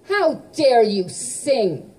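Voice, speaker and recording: A woman reading aloud and voicing a harsh, witch-like old aunt who scolds a grieving girl in a shrill, drawn-out way. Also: very animated, mellow, husky, exaggerated voice. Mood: scolding.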